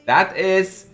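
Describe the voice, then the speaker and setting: A man who is a caster and streamer provides live esports tournament commentary while replying to chat. He's lively and laughs a lot, greeting viewers by name, though a slight cold has made him a bit hoarse.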